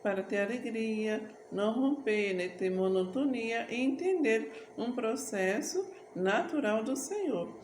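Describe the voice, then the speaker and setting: A woman's voice: on the high side, animated, darkish tone, a little hiss or hum. Woman preaching in an echoey room. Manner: rambling devotional talk, breaks into slow singing. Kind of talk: informal sermon with sung worship.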